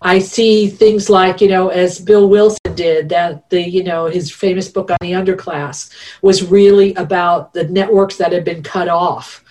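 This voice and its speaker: Middle-aged woman academic guest, lower voice, reflective and talkative, remote call sound. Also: steady tone, measured pace, darkish tone, far from the mic. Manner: reflective, talkative, many fillers. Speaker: podcast guest, network researcher. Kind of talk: casual interview talk. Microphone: remote video call.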